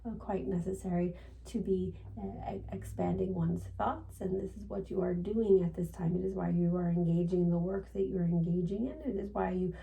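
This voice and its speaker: A woman's voice: on the low side, steady tone, normal speed, vocal fry, mellow, far from the mic, highs cut off. A woman seance medium voicing a channeled spirit guide, formal and serene, in stilted instructive phrasing with questioning tags. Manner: formal, stilted phrasing, frequent tag "yes?".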